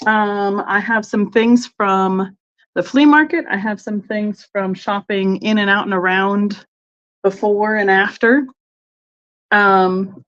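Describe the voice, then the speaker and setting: A woman's voice: mid-range voice, a bit bright. Woman host of a live-stream sale, rambling and chatty, greets viewers by name, dull lo-fi audio. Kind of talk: casual live-stream chat.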